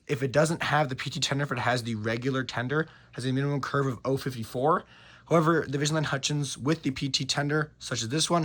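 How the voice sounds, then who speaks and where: Guy with a scratchy hoarse voice talking excitedly about his model train, lots of ums. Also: medium pitch. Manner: enthusiastic, with frequent fillers and restarts. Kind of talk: casual product review.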